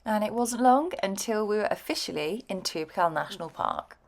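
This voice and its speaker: A young woman narrating her travel vlog in a relaxed, reflective voice-over. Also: mid-range voice, normal speed, creaky, noisy background. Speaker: vlogger narrating her trip.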